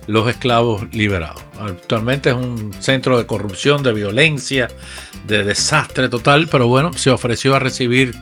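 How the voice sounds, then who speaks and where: This man offers emphatic, opinionated news commentary on a morning radio show, addressing listeners head-on. His mid-range voice is a bit bright and moves at a moderate pace, with faint music behind him.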